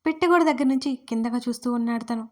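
Higher-voiced woman narrating an audio romance. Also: fast. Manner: lively, emotional storytelling with acted dialogue. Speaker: writer and narrator of audio stories.

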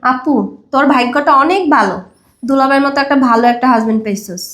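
A teasing young sister-in-law, played by a woman coaxes in a playful way. Her voice sits high. It has the feel of a home-made short film. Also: fast, fairly bright tone. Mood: cheerful. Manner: coaxing, playful.

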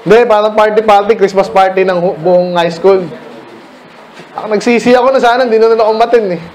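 A middle-aged Filipino pastor giving a casual Bible study talk to children, questioning listeners by name. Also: male voice, high voice, steady tone, fast, a little mellow, slight background noise.

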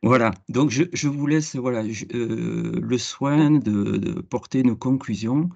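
A man taking part in a webinar, making a remark haltingly with repeated words. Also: mid-range voice, gravelly, warm tone. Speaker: webinar participant. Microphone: video call. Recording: dull video-call audio.

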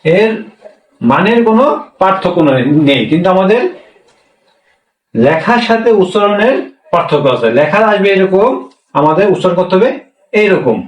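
A man's voice: high-pitched, very animated, normal speed, pauses often, echoey room, distant mic, rough recording. A man with a Bangladeshi Bengali accent giving a language lesson, patiently explaining step by step and putting many questions to his listeners. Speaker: language teacher. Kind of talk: classroom-style language lesson.

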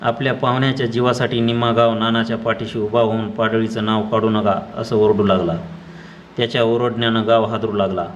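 A man's voice: medium pitch, little pitch movement, a little fast, highs cut off, slight background noise. Man reading a village tale aloud. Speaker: storyteller. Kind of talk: reading a short story aloud.

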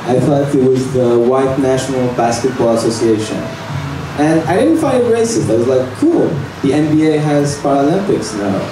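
On a handheld mic at a small bar's open mic night, a young man from Algeria does a stand-up set in a medium-pitched voice, telling deadpan jokes with stumbling fillers and nervous laughter. A camera far away captured it indoors, so the sound is distant, echoey and noisy.

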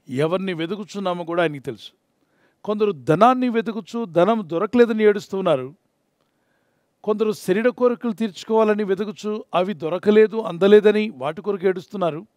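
Male pastor, high voice, earnest devotional sermon, dry close sound. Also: darkish tone, dry recording. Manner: earnest preaching, acts out prayers and quotes.

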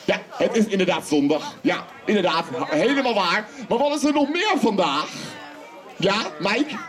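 A man performing as a children's clown at an outdoor festival, playfully shouting questions to the kids and teasing them. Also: sits high, very animated, normal speed. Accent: Dutch. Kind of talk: lively clown patter for children. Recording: open-air festival with crowd. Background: crowd of children.

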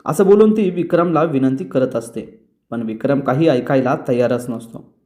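A man's voice: mid-range voice, moderate pace, warm tone. A man reviewing a TV serial episode, recapping the plot in storytelling style. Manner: storytelling recap, acts out dialogue. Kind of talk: retelling a TV episode.

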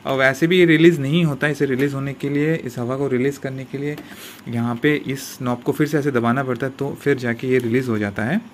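This is a young man, filmed on a phone over a table indoors, chatting hesitantly through an unboxing. He pauses often and restarts his lines. A steady hiss of noise sits under his mid-pitched voice. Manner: hesitant, many fillers and restarts. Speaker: vlogger unboxing camping gear. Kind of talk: casual unboxing talk. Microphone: handheld phone camera pointed at the table. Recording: noisy phone recording with room hiss.

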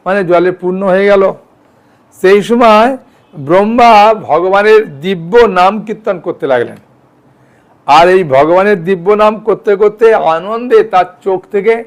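A man gives a relaxed devotional talk in a fairly high voice. He explains practices plainly and keeps asking his listeners if they follow. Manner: conversational, frequent "yes?" and "all right?" checks with listeners. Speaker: devotional teacher. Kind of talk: informal devotional lecture.

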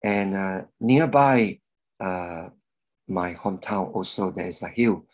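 A middle-aged man from Malaysia giving a halting personal testimony over a video call, with many fillers and pauses. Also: low-pitched, a little mellow, rough recording. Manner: slow and hesitant, many fillers. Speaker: guest speaker giving a testimony. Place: indoor room at home. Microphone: video call webcam with earphones.

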